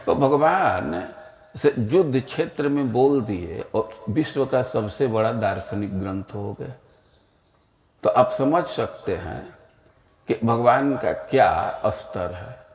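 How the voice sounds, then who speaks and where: A man giving a slow, explanatory scripture lecture, asking his listeners rhetorical questions. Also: medium pitch, darkish tone, reverberant. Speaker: spiritual teacher.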